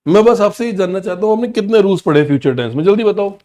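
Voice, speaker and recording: A man teaching a live online class, energetic and coaxing, often slipping into English phrases. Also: high voice, fast.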